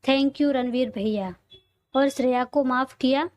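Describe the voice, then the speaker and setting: A woman voicing a lively young woman who is a cheeky little sister, in a read-aloud audio story. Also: high-pitched, unhurried, no echo. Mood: pleading.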